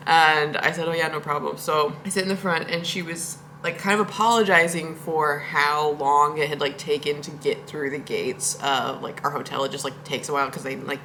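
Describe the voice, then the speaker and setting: In a deep yet bright and forceful voice, a woman vlogs from home, chatting her way through rambling stories and laughing often. It's a casual storytelling vlog with a faint hiss or hum in the background.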